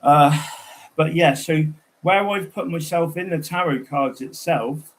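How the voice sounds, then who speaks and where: A man's voice: a little high, a little slow, rough recording. A man chatting casually on a livestream, telling rambling, digressive stories.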